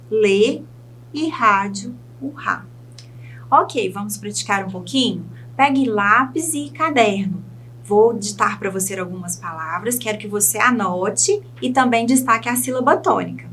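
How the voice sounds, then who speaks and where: A woman teacher with a Brazilian Portuguese accent giving a recorded video lesson, speaking clearly and dictating words slowly for students to write down. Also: mid-range voice, fairly bright tone.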